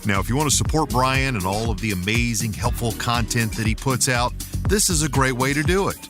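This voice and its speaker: A man's voice: mid-range voice, lively intonation, brisk. A man, a podcast producer, reading a scripted promotional announcement in a friendly, direct way. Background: music bed.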